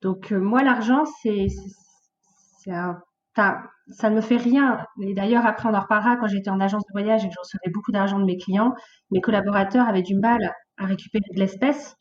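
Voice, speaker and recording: A woman in her late thirties, a podcast guest, telling her life story in a lively, casual way with many fillers. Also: medium pitch, a little fast, dull audio, a little hiss or hum. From France, of Portuguese origin. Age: late 30s. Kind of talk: casual conversational interview.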